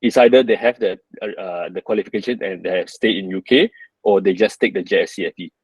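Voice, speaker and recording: Husky Malaysian-accented man, fairly low voice. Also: quick pace, no room sound, poor audio. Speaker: surgeon asking a question at a webinar. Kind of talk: hesitant, explanatory question in an online seminar.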